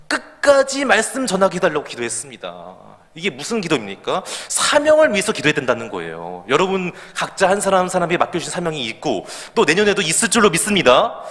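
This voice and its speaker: A man preaching in an animated way, calling out hallelujah between points. His voice sits a little high and swings widely up and down. The sound rings with a long church-hall echo. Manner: animated preaching, calls out hallelujah, laughs at his own anecdote. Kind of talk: sermon at a midweek prayer service. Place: church sanctuary.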